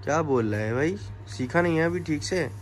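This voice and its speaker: A man's voice: fairly high pitch, lively intonation, brisk, background noise. A young man filming a casual home vlog, chatting to the camera and cooing baby talk to his pet parrots. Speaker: vlogger.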